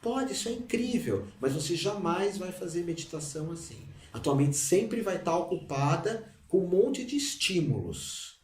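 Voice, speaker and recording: A man's voice: high voice, lively intonation, moderate pace, few pauses. A man who teaches meditation in an informal, conversational way and sometimes chants single syllables. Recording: roomy, mic at a distance.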